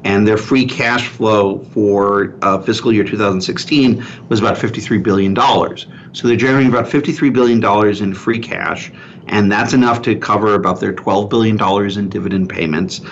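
A man giving unscripted financial commentary as a portfolio manager, halting and restarting his phrases. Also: lowish voice, steady tone. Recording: dull lo-fi sound, faint noise.

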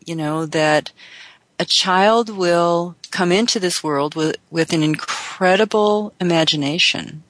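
A woman's voice: on the low side, fairly bright tone, no room sound, rough recording. A woman hosting an internet radio talk show, speaking in a reflective, encouraging way.

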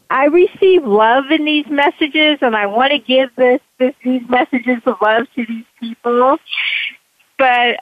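Woman in her sixties on a phone line. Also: fairly high pitch. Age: 60s. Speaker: caller. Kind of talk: hesitant personal question on a call-in show. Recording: thin phone line with room echo.

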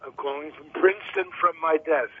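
An older man calls in to a radio show from his desk, and the poor line makes him sound hollow, as if he were in a tunnel. His voice is somewhat high and husky, and he talks loudly in short replies. The phone sound is muffled, dull and distant. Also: normal speed. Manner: loud-talking, brief replies. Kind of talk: phone-in interview chat. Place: desk in an office. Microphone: telephone.

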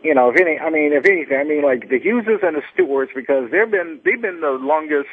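A man calling in to a radio show over a thin, clipped telephone line. He talks haltingly and restarts often, with a lively, swooping pitch. His voice is a little husky and sits fairly high. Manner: halting, with many restarts and fillers. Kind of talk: casual phone chat. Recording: narrow-band phone call.

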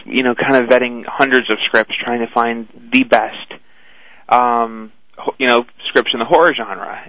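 A man's voice: mid-range voice, a bit bright, no echo. Boston-accented man, enthusiastic radio guest. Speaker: talent agency guest. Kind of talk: casual radio interview. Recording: dull lo-fi radio audio.

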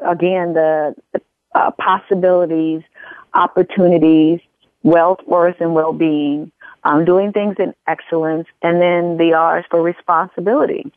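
A woman's voice: on the low side, no room sound. A woman in her forties talking as a guest in an interview, earnest and repeating phrases for emphasis. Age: 40s. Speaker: guest, empowerment coach. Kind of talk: casual interview conversation. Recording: tinny phone line.

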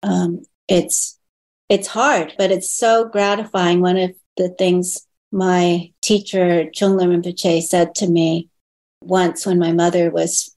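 Thoughtful woman recounting memories in interview. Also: little pitch movement. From born in Hong Kong, raised in the United States. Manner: thoughtful and soft-spoken, pauses and restarts, raises her pitch to quote others. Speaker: interview guest. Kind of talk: reflective personal interview.

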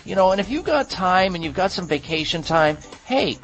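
Animated, higher-voiced male health radio host. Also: normal speed, soft background music. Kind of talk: health advice and host-read product endorsements. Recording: dull lo-fi radio sound.

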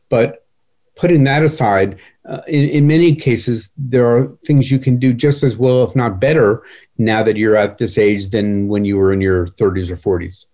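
Mellow-voiced older man, measured and thoughtful. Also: mid-range voice. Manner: measured, thoughtful, with fillers and repeats. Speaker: writer. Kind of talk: conversational discussion.

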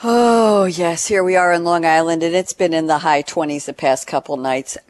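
A woman's voice: on the low side, normal speed. An older American woman hosting a radio show in a chatty, playful, theatrical way, repeating phrases for effect.

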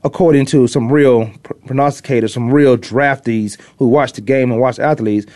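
A man's voice: medium pitch, fairly even intonation, moderate pace, mellow, dry recording. A middle-aged man from Virginia hosting casual sports talk, opinionated and rambling, repeating himself for emphasis. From Virginia, US East Coast. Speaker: sports talk show host, former pro defensive back.

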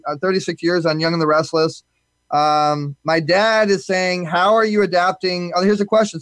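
A man's voice: on the high side, a bit bright, dry recording. A man hosting a live talk show, rambling and repeating words as he talks. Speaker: host.

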